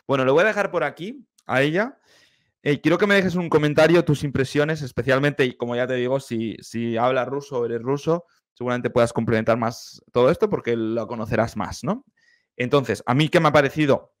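Man, choir director, music reaction commentary, explains vocal technique, medium pitch, dry close sound. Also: brisk, no echo. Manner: explanatory, enthusiastic, hums vocal demonstrations.

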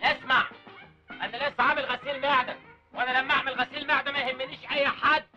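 An actor with an Egyptian Arabic accent playing an indignant, proud man who scolds loudly in an old film comedy. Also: extremely high pitch, level tone. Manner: loud, rapid, indignant scolding. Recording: dull old film soundtrack with music.

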